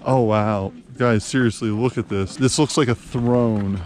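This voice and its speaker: A man's voice: mid-range voice, fairly even intonation, measured pace, darkish tone, a little hiss or hum. A man hosting a family vlog outdoors on a snowy canyon trail, chatting playfully with his kids. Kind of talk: casual family vlog chat.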